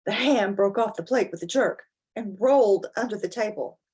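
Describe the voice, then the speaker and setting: A woman reading a children's storybook as a dramatic reading, with deliberate, theatrical emphasis. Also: medium pitch, a little mellow, breathy edge. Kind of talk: expressive dramatic storybook reading with casual asides.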